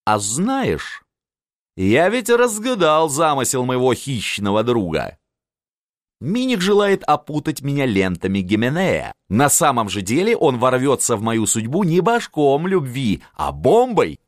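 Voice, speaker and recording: A man's voice: mid-range voice, huge pitch swings, measured pace, no room sound, studio quality, voice pushed up. A man voicing a sly, scheming count who talks in a mocking, ingratiating way, in an audiobook. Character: sly scheming male count, smooth-tongued.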